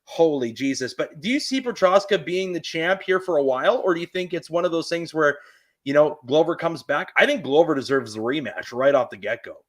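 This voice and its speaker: A man's voice: fairly high pitch, expressive, fairly quick. A man with a Canadian accent hosting a podcast, talking fights in an eager, rambling way. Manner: eager, rambling fan talk. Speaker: podcast host. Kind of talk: casual sports chat.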